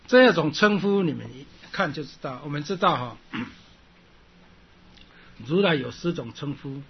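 A man teaching a Sanskrit class, repeating his points, clearing his throat often and ending phrases with a drawn-out "ha". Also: on the high side, dull audio, slight background noise. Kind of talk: classroom lecture.

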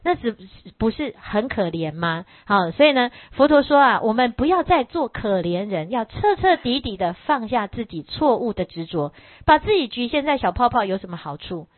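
A woman giving a Buddhist dharma talk, telling a Zen story with lively storytelling and acting out the characters. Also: a little high, normal speed, few pauses, dry recording. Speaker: Buddhist teacher. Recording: tinny phone-like dry sound.

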